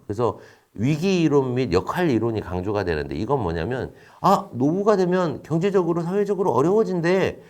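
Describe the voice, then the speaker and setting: A man with a lowish voice lectures in an explanatory, conversational way. His pitch swings up and down animatedly as he poses questions and answers them himself, with hesitant fillers between points. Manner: frequent fillers, lively rises and drops in pitch. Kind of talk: recorded lecture.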